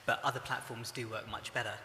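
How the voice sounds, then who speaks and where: A man speaking on a conference panel, explaining at length in a measured way with many fillers. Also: mid-range voice, flat delivery, pushed and bright. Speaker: panelist from a broadcaster's social news team. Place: conference hall, live panel. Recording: echoey hall with faint noise.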